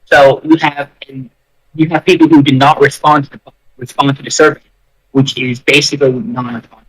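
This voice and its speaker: A man with a slightly husky voice walks through answer choices in a relaxed, rambling way, full of fillers. His call microphone keeps glitching, so the sound cuts in and out as he talks. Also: medium pitch, moderate pace, rough recording. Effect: glitching, cutting-out microphone audio. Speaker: student reviewer. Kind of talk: casual livestream study review. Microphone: online call microphone.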